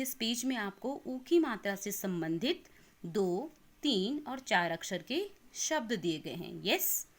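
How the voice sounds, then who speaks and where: A woman teacher with an Indian accent giving an online lesson to young children, reading words slowly syllable by syllable and mixing in English words. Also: medium pitch. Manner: slow, exaggerated syllable-by-syllable reading aloud.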